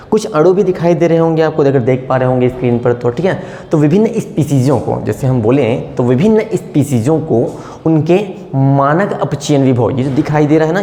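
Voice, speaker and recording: A male chemistry teacher gives a whiteboard lecture, slowly repeating key terms as he writes and checking in with his students. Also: medium pitch, warm tone. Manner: checks in with "ठीक है". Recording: echoey room with long reverb.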